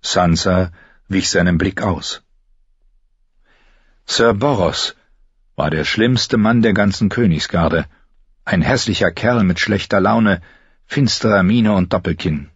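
A man reading a fantasy audiobook in a measured, deliberate storytelling manner, in a slightly dull recording. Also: deep voice, breathy edge, no echo. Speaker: audiobook reader. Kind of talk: scripted fantasy audiobook narration.

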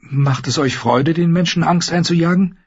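Timid young noble girl, high and pleading, voiced by a male audiobook narrator, dull dry recording. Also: moderate pace. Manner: hesitant, pleading, breathy high voice. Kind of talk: audiobook character voice.

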